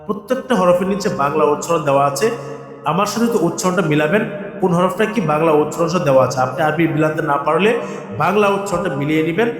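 A man teaches the Quran's letters one by one and asks listeners to repeat each letter after him, stretching some names into a chant. His voice sits a little high and rings with a long reverb, as in a large hall. Faint music plays underneath. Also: fast talker. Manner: calls out each letter and has viewers repeat; draws out sung letter names. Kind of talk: slow step-by-step recitation lesson.

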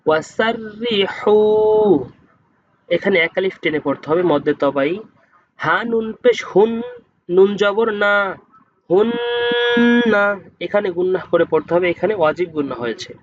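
A man teaching Quran reading, who spells out each letter and vowel mark and then slowly draws out the joined word. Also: high voice, no room sound, lo-fi sound. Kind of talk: step-by-step spelling lesson.

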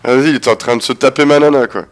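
A man with a head cold commentating a video game casually, swearing, laughing and yelling at the action. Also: medium pitch, fairly even intonation, quick pace. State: has a cold, stuffy. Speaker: gameplay commentator. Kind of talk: casual let's-play commentary.

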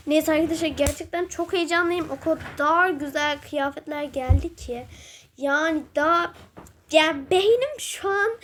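High-pitched woman gamer, excitable and giggly, casual game commentary over a noisy home recording. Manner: excited and fast-talking, giggly. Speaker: gaming channel host.

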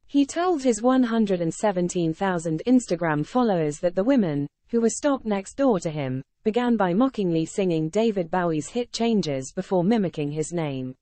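A woman narrating a celebrity news story in an even, scripted read. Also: fairly low pitch, normal speed, hardly any pauses, dry recording.

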